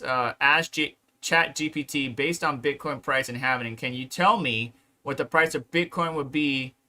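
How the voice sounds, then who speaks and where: A man's voice: on the high side, bright, forceful tone. A man hosting a casual livestream, reading articles and chat aloud and rambling in asides. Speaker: crypto livestream host.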